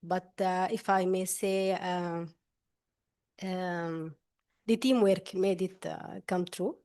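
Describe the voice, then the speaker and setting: A woman with a Sudanese accent introduces herself and her work to a group, speaking haltingly with pauses. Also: lowish voice, steady tone, dark tone. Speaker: course participant, malaria researcher. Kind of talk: spoken self-introduction to a group.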